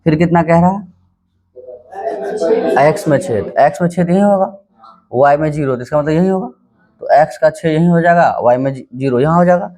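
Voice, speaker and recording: A man teaches school maths in an easygoing classroom style, taking his time over each step. He keeps putting questions to the class and then answering them himself. His voice sits a little high for a man. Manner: calm, unhurried, asks and answers his own questions. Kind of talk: casual classroom maths lesson.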